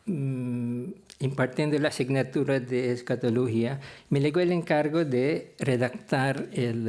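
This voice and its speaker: An older theology professor from the Philippines gives a prepared talk of anecdotes from his career. He speaks haltingly and hesitantly with frequent pauses, in a medium-pitched, slightly mellow voice.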